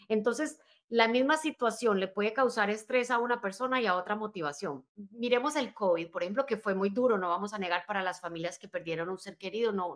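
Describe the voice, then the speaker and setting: A woman's voice: medium pitch, fairly bright tone. A married woman coach telling her own story in an interview, earnest and motivational, often checking in with "right?". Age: adult, married with children. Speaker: life and business coach, podcast guest. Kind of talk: conversational interview, personal story.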